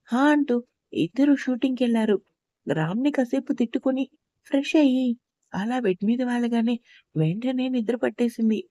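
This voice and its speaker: A woman narrating a romantic family story in a steady, scripted storytelling way, close to the mic. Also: on the high side, dry recording.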